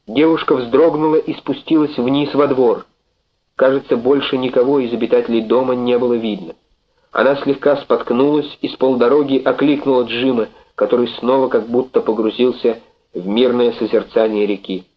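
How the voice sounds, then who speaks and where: A man reading a classic novel aloud as an audiobook narrator, in measured, even storytelling. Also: medium pitch, highs cut off. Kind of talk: scripted literary narration.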